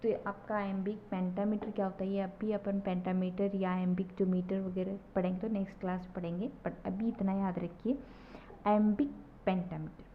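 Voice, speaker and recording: A woman teacher slowly explaining poetry to a class, repeating key terms and often checking "okay?". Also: medium pitch, level tone. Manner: slow, repetitive explaining with frequent checks of "ठीक है". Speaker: English literature teacher. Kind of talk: classroom lecture. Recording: dull lo-fi recording with faint noise.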